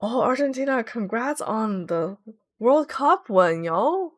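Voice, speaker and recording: Speaking slowly in a slightly high voice with lively intonation, a young Twitch streamer chats casually from home as she plays, rambling and filling gaps with lots of "like." The sound is dry and studio quality.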